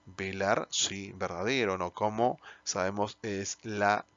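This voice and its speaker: A man's voice: fairly low pitch, steady tone, slow, fairly bright tone, dry recording. A man with a Peruvian Spanish accent, teaching an exam answer key in a lesson and often putting rhetorical questions to himself. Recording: dull, slightly lo-fi dry sound.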